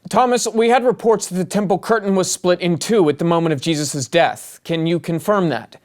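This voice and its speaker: A man's voice: high voice, a little fast, a little mellow, lightly acted. An actor playing an earnest, dramatic male breaking news anchor in a comedy sketch, with an urgent announcer delivery. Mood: grave.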